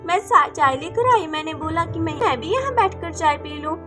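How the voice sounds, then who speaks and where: A woman's voice: very high voice, animated, moderate pace, over music. A woman voicing a meek, hardworking young village wife who hesitates and stammers, in a doll video role-play. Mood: hurt.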